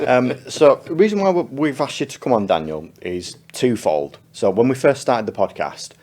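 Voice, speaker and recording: A man's voice: medium pitch, expressive, normal speed, darkish tone. A man hosting a podcast in a casual, chatty way, laughing easily and using many ums. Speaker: podcast host.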